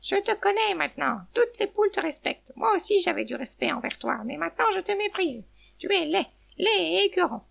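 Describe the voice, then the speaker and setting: A woman's voice: sits high, animated, a little fast, vocal fry, muffled recording, voice pushed up, full character voice. A woman voicing a brave, defiant hen who is tired of living, in a storybook tale. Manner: proud and scornful, then despairing. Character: brave defiant hen, female, weary of life. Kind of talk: storybook narration.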